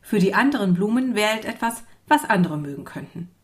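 A woman's voice: mid-range voice, expressive, fairly quick, close to an everyday voice. A woman voicing a friendly female schoolteacher who speaks patiently and encouragingly to small children. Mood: welcoming.

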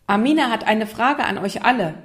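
Brief: woman doing a schoolteacher addressing the class, loud and high. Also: moderate pace, close to an everyday voice. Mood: calling out. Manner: calling out loudly to a class. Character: adult woman schoolteacher, friendly and firm.

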